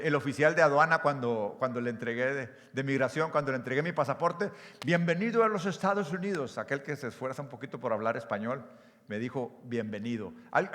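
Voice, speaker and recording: Mexican pastor, man, bright forceful tone, slightly high, lively crowd-engaging sermon in a reverberant hall. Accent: Mexican Spanish. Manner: engaging, asks the crowd questions, repeats words. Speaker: pastor, conference speaker. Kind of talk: live sermon to a youth audience. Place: church or event hall.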